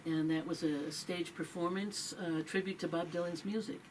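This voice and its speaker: Middle-aged American woman musician, low-ish voice, easy rambling storyteller, faint noise. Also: moderate pace, rough recording. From Massachusetts, USA. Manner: relaxed storytelling with many fillers. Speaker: musician guest. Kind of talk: radio interview.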